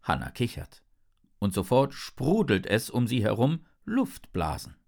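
A man narrating a children's storybook in a lively, playful way. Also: mid-range voice, measured pace, creaky.

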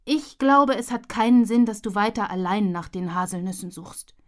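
A woman voicing a kind, calm male garden friend in a children's story, speaking gently, earnestly and in a friendly way. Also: mid-range voice, normal speed, close to an everyday voice.

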